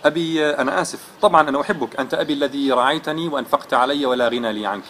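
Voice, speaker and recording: A man's voice: medium pitch, rapid-fire, fairly bright tone, a little hiss or hum, close to an everyday voice. A man voicing an impatient pocket-money son. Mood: insistent. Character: self-centered young son asking for pocket money.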